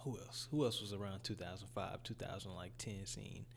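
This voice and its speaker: A young man from Detroit with a raspy voice, talking about his music in a laid-back, casual interview. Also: low voice, steady tone, normal speed, a little hiss or hum. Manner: laid-back, loose phrasing with fillers. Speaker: guest rapper.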